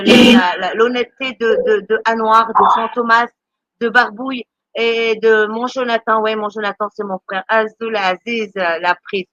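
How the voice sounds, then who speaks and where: Bright high-voiced woman stammering angrily. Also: no echo, dull audio. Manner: stammering, repeats words; indignant, scolding. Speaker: charity volunteer speaking on a live stream. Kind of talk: impassioned live-stream rant.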